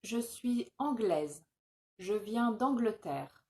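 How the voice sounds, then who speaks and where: Slow, clearly enunciating woman. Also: medium pitch, expressive, a little mellow. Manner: slow, carefully enunciated phrases. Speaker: narrator of a language-learning video. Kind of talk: scripted language-learning dialogue.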